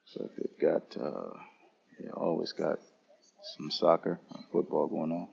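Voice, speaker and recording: Male travel streamer, deep husky voice, casual unhurried tour of an airport lounge. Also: darkish tone, lo-fi sound. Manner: casual, unhurried, talking to chat viewers. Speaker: travel vlogger. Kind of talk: live-streamed lounge walkthrough.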